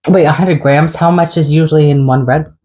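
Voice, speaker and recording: A woman co-hosting a podcast, chatting casually in an excitable, rambling way and swearing now and then. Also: low voice, a little fast, rough recording. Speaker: podcast co-host. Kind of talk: casual chat.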